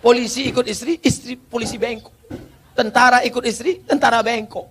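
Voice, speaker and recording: A man's voice: very high voice, fairly even intonation, a little fast, fairly bright tone, a little hiss or hum. A man from Indonesia preaching in a humorous question-and-answer sermon, with playful rhetorical questions and emphatic build-ups. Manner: joking, rhetorical questions, rising emphatic delivery.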